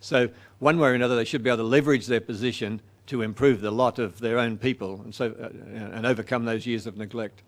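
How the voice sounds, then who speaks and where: A man answering audience questions after a lecture. He speaks in a halting, thoughtful way, pausing often and restarting his sentences. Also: mid-range voice, fairly even intonation. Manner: hesitant, many fillers and restarts. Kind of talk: public talk Q&A.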